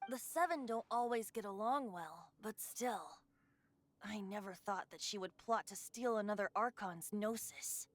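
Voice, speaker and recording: For a scripted video game role, a woman voices a carefree ancient wind god who takes the form of a youthful male bard, speaking in an airy, wistful storyteller manner as she explains things. Her voice is mid-range and measured, lightly acted, with no room sound.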